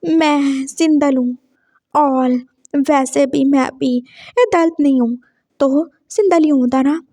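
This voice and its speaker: A woman's voice: high-pitched, slow, mellow, no room sound, clean studio sound. A woman voicing a shy young man who talks with a childish lisp in a story reading. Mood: hurt. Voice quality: lisping.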